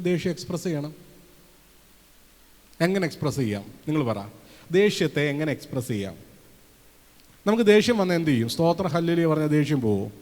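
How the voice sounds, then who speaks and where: Lively preacher in an echoing church hall. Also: male voice, on the high side. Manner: lively, asks the audience questions, acts out quoted voices. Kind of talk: sermon. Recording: long hall reverb.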